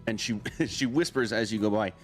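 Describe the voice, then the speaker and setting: Male game master, lower voice, halting improvised narration in short phrases, soft music underneath. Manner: halting, pieces scenes together in short phrases.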